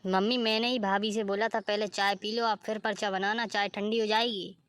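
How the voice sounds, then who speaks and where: A woman's voice: medium pitch, fairly even intonation, brisk, fairly bright tone, no room sound, natural voice. A woman voicing a kind, supportive young sister-in-law in a cartoon story. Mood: reassuring. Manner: reassuring, kind.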